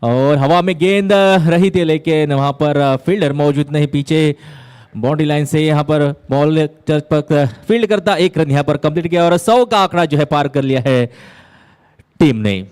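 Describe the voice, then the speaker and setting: A man with a fairly high-pitched voice calls a cricket match ball by ball. He works in measured phrases with pauses between them, lifting his delivery at key moments of play. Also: darkish tone, smooth. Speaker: cricket commentator. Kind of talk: live ball-by-ball cricket commentary.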